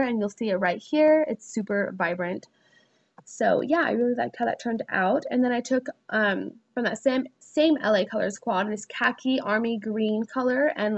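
Woman vlogger, stuffy nasal cold voice, chatty tutorial narration, slightly muffled lo-fi recording. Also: on the high side. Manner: casual, chatty, many fillers. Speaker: beauty vlogger. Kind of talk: makeup tutorial voice-over.

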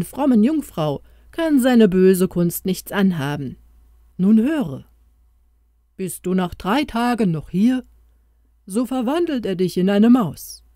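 A woman's voice: on the low side, dark tone, no room sound, studio quality. A woman voicing an old king bewitched into a small crowned mouse, who comforts and urges the hero in a storybook tale. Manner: comforting, urging.

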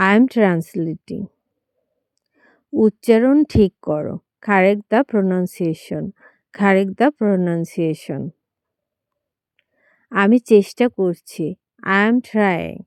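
A woman reads classroom phrases one at a time, first in Bengali and then twice in English, at a very slow, careful pace. Her voice is smooth and crisp. The recording is dry and close, with no room sound. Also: mid-range voice, a little mellow, dry recording. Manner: reads each line in Bengali, then repeats it slowly in English. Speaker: English teacher. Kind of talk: slow repeated phrase drills for learners.

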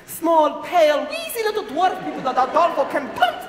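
A man's voice: very high voice, wildly swooping pitch, moderate pace, a crowd in the background, full character voice. A young man playing a vain, flamboyant Latin lover on stage, bombastic and cowardly, speaking of himself in the third person. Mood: blustering. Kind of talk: broad stage comedy acting. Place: large theatre stage, filmed from the audience. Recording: echoey theatre, noisy, from the audience.

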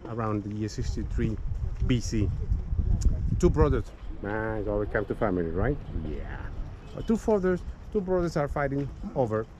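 A man's voice: medium pitch, background noise. A man giving a casual history talk as a tour guide, chatty, often calling listeners "guys" and restarting his sentences, recorded outdoors on a city street by a camera mic. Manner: chatty, addresses listeners as "guys", many "okay" and "right" tags; frequent restarts and small laughs.

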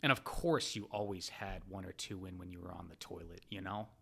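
Blunt, profane man with a bright voice. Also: brisk, gravelly, slightly rough. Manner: blunt, profane, animated with swings between loud bursts and low mutters. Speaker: poker player vlogger. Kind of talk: casual storytelling monologue.

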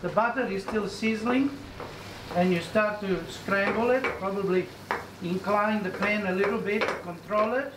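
Heavy background noise fills this echoey commercial kitchen, where faint sizzling is audible as a middle-aged cooking show host chats instructively during a demonstration. He speaks at a normal speed in a high-pitched voice.

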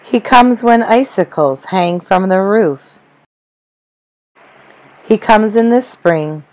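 A woman reading a rhyming children's story aloud in a gentle, rhythmic storytelling manner. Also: mid-range voice, expressive, takes it slowly, no echo, rough recording.

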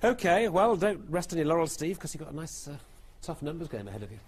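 A man's voice: fairly high pitch, very animated, fast talker, a little mellow, husky. A man hosting a television quiz show in a chatty, jovial way, announcing scores and passing between contestants.

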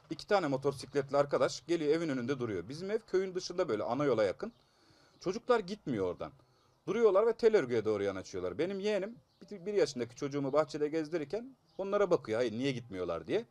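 A man's voice: fairly high pitch, darkish tone, dry recording. A man in his thirties with a blocked, congested nose, telling a news interviewer about an assault in an urgent, aggrieved and pleading manner. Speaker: assault victim giving a statement.

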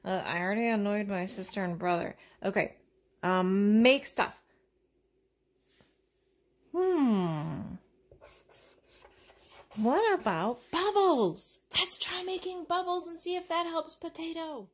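A woman in her thirties hosts a children's library storytime from a small room at home, in a playful, exaggerated, encouraging way. Her voice is on the high side with lively intonation, and she takes it slowly with long pauses.

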